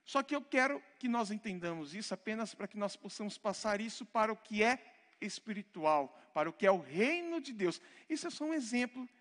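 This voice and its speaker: A man's voice: high voice, sing-song, a little fast, a bit bright. A man from Brazil with a Brazilian Portuguese accent, preaching a conversational sermon and often checking in with his congregation. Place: church hall. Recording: long church-hall reverb.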